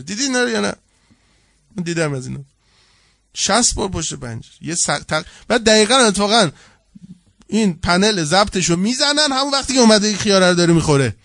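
A man, a seminary cleric, giving a colloquial sermon full of anecdotes, swinging from loud, lively telling to hushed, earnest asides. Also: high-pitched, vocal fry, no room sound, clean studio sound.

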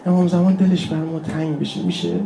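A male preacher delivers an emotional sermon, weaving in stories and falling to a hushed near-whisper at its tender moments. His voice sits a little high but sounds dark and mellow, with a gravelly edge. A faint hiss of background noise runs underneath. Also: very animated, low-quality recording. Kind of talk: religious sermon with storytelling.

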